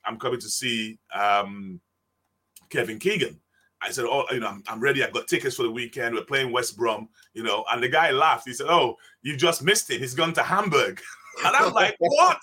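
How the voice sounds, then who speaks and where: Bright-voiced older man telling stories. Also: medium pitch, animated, normal speed, breathy edge. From England. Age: 60s. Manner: laughs often while telling stories. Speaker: guest. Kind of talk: casual interview.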